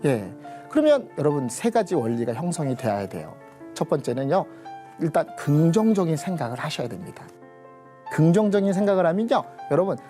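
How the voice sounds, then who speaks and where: A middle-aged man giving a lively lecture, often turning to the audience and acting out what others said. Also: on the high side. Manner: animated, addresses the audience often, acts out quoted people.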